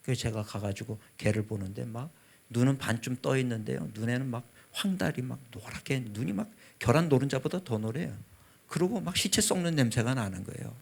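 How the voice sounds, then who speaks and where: A man in his fifties, a pastor, telling a personal testimony in a revival sermon with a husky voice, swinging from loud to hushed. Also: mid-range voice, brisk. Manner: emotional storytelling, voice rising and dropping sharply.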